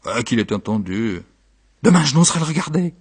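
A man voicing a young peasant wife who frets and scolds her husband, in a high, pleading voice. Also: big pitch swings, breathy edge. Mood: fretful. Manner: shrill, pleading, quick to complain. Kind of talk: dramatic reading.

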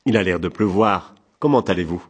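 A man's voice: low voice, expressive, fairly quick, breathy edge, lo-fi sound. A man reading the part of a polite, weary male traveller, in a mild, easygoing, hesitant way.

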